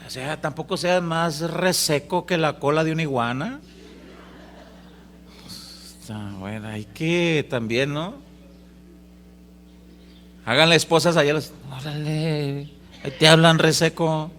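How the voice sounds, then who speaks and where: Bright-voiced, joking pastor. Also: male voice, on the high side, a little slow, long pauses, a little hiss or hum. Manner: folksy, joking, rising to loud emphasis. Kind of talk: sermon. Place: church service.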